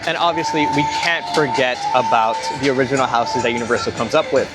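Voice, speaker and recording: A young man vlogs at a theme park outdoors, speaking fast in a medium-pitched voice as he rambles enthusiastically, repeats himself, and sounds a bit out of breath. Music plays nearby.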